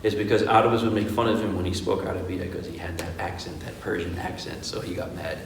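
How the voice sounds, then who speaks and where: Speaking fast in a low-pitched voice, this imam runs a casual Quran workshop, showing how Arabic words are pronounced along the way. His talk is chatty and peppered with rhetorical checks such as "okay?" and "right?". Slight background noise and a distant mic in an echoing hall color the sound.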